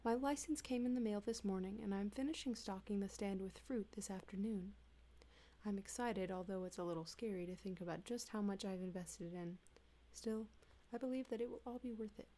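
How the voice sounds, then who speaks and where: A woman reading humorous texts aloud in a soft, hushed ASMR style, slipping in and out of whispers, close to a desktop mic at home. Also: mid-range voice, a little fast. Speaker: ASMR reader. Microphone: close desktop USB mic.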